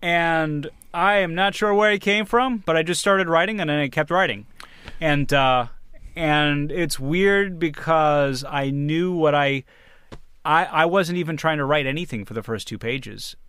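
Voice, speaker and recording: A man's voice: fairly high pitch, unhurried, fairly bright tone, smooth, no room sound. A man, a podcast co-host who wrote the story, chatting casually and reflectively, searching for words as he explains. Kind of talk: casual chat.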